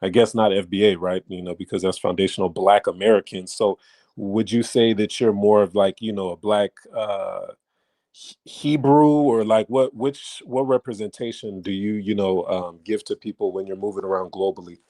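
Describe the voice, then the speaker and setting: A man hosts a relaxed interview, his voice sitting a little low and sounding close and dry. He asks loose questions padded with "you know" and "like" and keeps things friendly and casual. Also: normal speed, no echo. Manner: laid-back, filler-heavy questions. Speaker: host interviewer.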